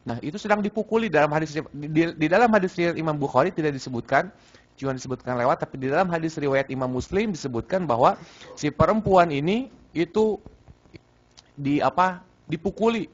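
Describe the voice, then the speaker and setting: A man's voice: fairly high pitch, fairly quick. A man giving a Sunday morning religious study talk at a mosque, speaking conversationally, repeating phrases and asking the audience questions. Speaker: preacher. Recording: muffled lo-fi recording.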